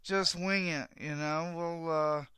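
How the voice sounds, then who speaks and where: Smooth-voiced male interview host. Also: on the high side, fairly even intonation, slow, pushed and bright, no echo. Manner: rambling, repeats words and restarts. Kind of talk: casual interview chat.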